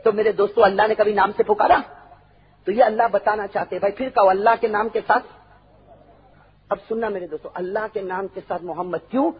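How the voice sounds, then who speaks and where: A male preacher with a Pakistani Urdu accent giving a fiery sermon, crying out loudly and then dropping to hushed asides, calling on the crowd to answer. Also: high voice, slightly rough. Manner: impassioned, swings from loud cries to hushed asides, calls for crowd response. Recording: dull lo-fi recording.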